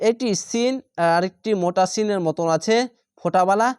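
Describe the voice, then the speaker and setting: A man with a high, brisk voice that's slightly mellow and clean teaches Quran reading, patiently spelling out Arabic letters and syllables one at a time. He works methodically, repeating syllables and stretching the long vowels for his learners. The recording is dry and studio quality.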